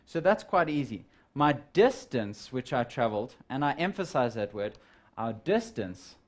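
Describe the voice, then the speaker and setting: A man of ordinary pitch teaches a live science lesson to students at home. He talks them through each step of a calculation in a casual, friendly classroom way. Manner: step-by-step explaining, addresses students as guys.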